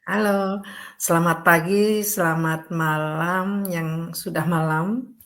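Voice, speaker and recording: An older woman, a grandmother, introducing herself on an online talk in a gentle, soft-spoken way over a video call. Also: on the low side, fairly even intonation, takes it slowly. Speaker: guest panelist. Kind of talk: casual chat.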